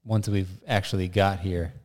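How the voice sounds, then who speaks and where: Casting: American male podcast co-host, mellow and fairly low, loose unscripted chat. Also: fairly even intonation, moderate pace. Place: indoors in an unfurnished house.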